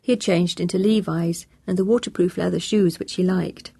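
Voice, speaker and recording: A woman narrating an audiobook in a measured, steady reading. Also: on the low side, gravelly, slightly rough, no echo.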